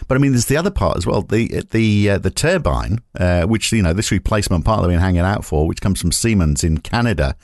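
A man hosts a morning market briefing in a lowish voice, tossing dry asides between the numbers. The sound is close and dead, with no room around it. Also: animated, a little fast, few pauses, darkish tone, dry recording. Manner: wry, dry asides about market moves. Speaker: host of a morning markets podcast.

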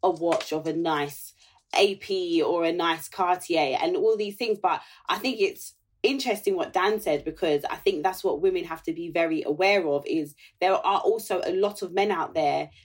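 A woman with a husky voice, chatting casually as a panel guest. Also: on the low side, moderate pace. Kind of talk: casual chat.

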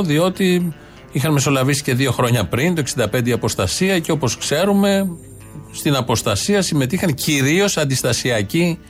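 A man hosting a sarcastic political commentary show from a studio, with a mocking, ironic delivery. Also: mid-range voice. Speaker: host.

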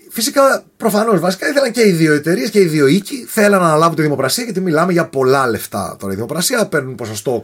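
A man telling a story in a casual podcast chat, animated and often tripping over foreign names. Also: on the high side, breathy edge.

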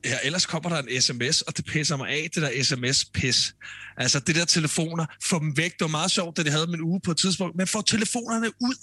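Emphatic bright-voiced man on a podcast. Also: a little high, no echo. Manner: animated, gets loud and emphatic when ranting. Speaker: podcast co-host, former reality show contestant. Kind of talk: casual podcast chat.

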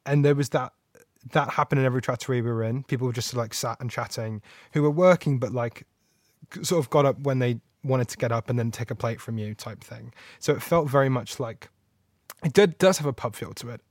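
A man's voice: medium pitch, a little fast, no echo. Casual male interviewer, close dry sound.

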